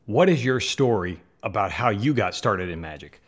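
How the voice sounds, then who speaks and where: On the low side and expressive at a moderate pace, this voice belongs to a Southern-born magic channel host in his thirties who has a Midwestern accent. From a small home studio he speaks earnestly and conversationally to camera, gesturing with his hands. He's recorded on a boom-mounted studio mic in front.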